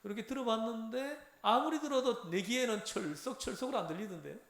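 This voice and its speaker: High-voiced man teaching in an echoey room. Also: a little fast, gravelly. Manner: animated, acts out dialogue, has audience repeat phrases. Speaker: Bible lecturer. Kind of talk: lively interactive Bible lecture. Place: church lecture room.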